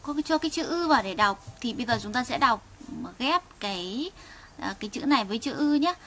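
A woman teaching an online Korean lesson in Vietnamese, reading sounds slowly and patiently for learners to repeat. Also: fairly high pitch, animated, a bit bright, a little hiss or hum. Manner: slow, patient, drills sounds for students to repeat.

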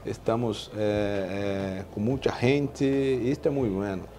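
A man in his thirties, a veterinarian, answering interview questions in Spanish with a Brazilian Portuguese accent, halting with many fillers and restarts, recorded on a lapel mic at an indoor stand. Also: medium pitch, dark tone, faint music behind. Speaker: veterinarian in equine nutrition.

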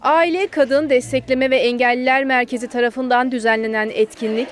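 A woman's voice: high voice, fairly even intonation, fairly quick, very noisy. A woman reads scripted news narration as a reporter's voice-over. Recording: crowd chatter under voice-over. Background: room chatter.

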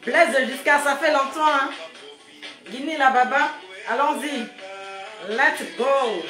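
A high-pitched woman runs a casual live stream, greeting viewers and scolding them in a bossy, teasing way. Her voice rings in an echoey room while loud music plays under her talk. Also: slow.

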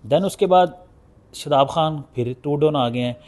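A man's voice: on the high side, unhurried, a little mellow. A man hosts a cricket post-match analysis. He speaks seated indoors to a close phone camera, making critical, emphatic points and repeating them for effect. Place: indoor room, seated on a sofa.

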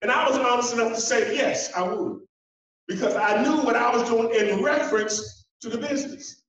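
High-voiced man giving an echoey keynote. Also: a bit bright. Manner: emphatic, repetitive rhythmic phrasing with dramatic pauses; walks the stage while speaking. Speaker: keynote speaker. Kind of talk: motivational keynote speech. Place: large conference hall stage. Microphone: handheld mic heard through a distant camera. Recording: echoey hall from far off, dull sound.

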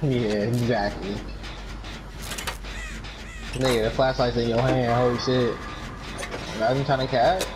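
A man chatting casually while playing a video game, reacting live with profane slang and excited repetition. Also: mid-range voice, measured pace, pauses often, background noise.

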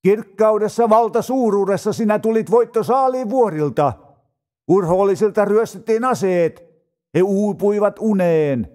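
A man reading psalms aloud in a slow, solemn manner, drawing out his phrases. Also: sits high, darkish tone. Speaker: scripture reader.

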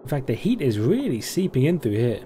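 A man's voice: mid-range voice, sing-song, a little fast, dark tone, a little hiss or hum. A man doing gameplay commentary, thinking aloud in a rambling way and asking himself questions. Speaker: game streamer, let's play host.

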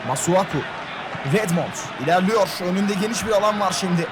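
High-voiced man calling football play-by-play. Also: normal speed, background noise. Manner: clipped player names and short phrases. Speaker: football match commentator. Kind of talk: live football play-by-play commentary.

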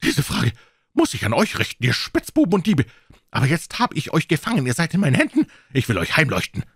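A man's voice: on the high side, wildly swooping pitch, brisk, a bit bright, slightly rough, no room sound, clean studio sound, voice pushed up, heavily acted. A man voicing an angry, blustering fat man in a storybook reading. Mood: threatening.

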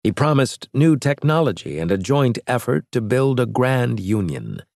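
A man's voice: medium pitch, big pitch swings, moderate pace, creaky, a little mellow, dry recording, clean studio sound, pitched above the performer's own voice. A man voicing a calculating male alien strategist with a scratchy, clipped, condescending delivery in an audiobook. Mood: cold. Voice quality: scratchy disguised voice. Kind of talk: audiobook character voice.

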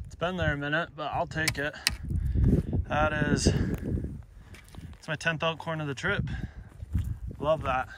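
Heavy noise surrounds a fairly high-pitched young man filming a casual shed-hunting vlog. He holds the phone camera close as he wanders open scrubland, talking loosely and filling gaps with lots of fillers.

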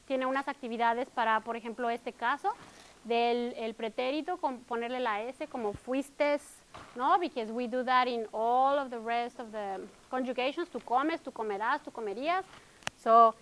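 A woman's voice: fairly high pitch, a bit bright, clean tone. A middle-aged Mexican woman with a Mexican Spanish accent, giving an academic workshop talk, switching between Spanish and English and often tagging her sentences with a question. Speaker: workshop presenter.

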